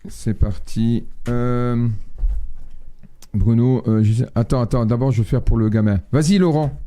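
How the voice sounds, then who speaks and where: A man's voice: mid-range voice, a little slow, mellow. A man hosting a live astrology stream, chatting casually with viewers and reading their messages in a blunt, slangy, joking way.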